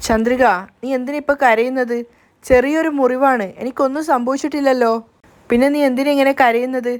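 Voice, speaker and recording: A woman voicing a calm young man who gently reassures a worried woman in a storybook recap. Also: sits high, a little fast, natural voice. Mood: reassuring.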